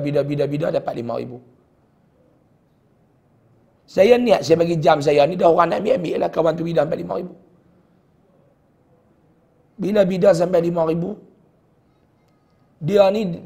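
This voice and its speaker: Gravelly Kedah Malay preacher. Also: male voice, fairly high pitch. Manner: heartfelt storytelling, dropping to a hushed voice at sad moments. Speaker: religious teacher. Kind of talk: sermon told as a personal story.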